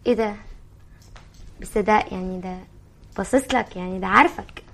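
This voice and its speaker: A woman's voice: mid-range voice, brisk, lightly acted. An Egyptian woman playing a naive, chatty, clingy young sister who has just died, in an amateur stage drama. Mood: curious.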